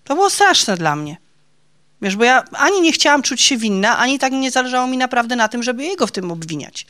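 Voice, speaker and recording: A woman's voice: fairly high pitch, big pitch swings, fairly quick, fairly bright tone. A woman giving a personal faith testimony to a group of women, chatty and confiding, laughing at her own stories. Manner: chatty and confiding, ends phrases with "nie?".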